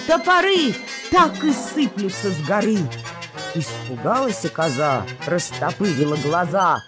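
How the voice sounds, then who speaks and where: Sing-song woman reading a children's poem. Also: mid-range voice. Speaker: storyteller. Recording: reading with clear background music.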